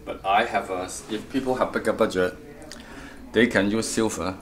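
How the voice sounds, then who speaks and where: A middle-aged, Vancouver-based Canadian audio kit distributor, whose first language isn't English, gives an informal product walkthrough interview in a hotel room at an audio show. His low voice stays steady, though his speech is halting and repetitive.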